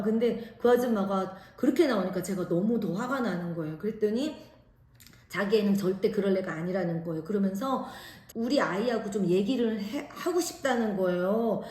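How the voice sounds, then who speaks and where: Middle-aged Korean mom vlogger, loud voice, mid-pitched, echoey room. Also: female voice. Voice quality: naturally loud voice. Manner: animated, acts out quoted lines. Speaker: vlogger, mother. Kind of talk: casual storytelling.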